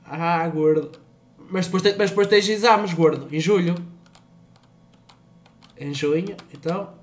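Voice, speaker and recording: A man's voice: on the high side, measured pace. A young man with a European Portuguese accent, streaming a game in casual chat, swearing a lot, teasing and loose.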